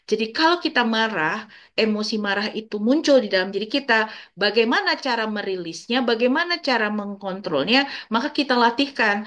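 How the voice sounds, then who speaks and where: Gentle woman giving a parenting class. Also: a little high. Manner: gentle, explanatory, acts out sample phrases for children; frequent filler tags like "gitu ya". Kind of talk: informal parenting talk to parents.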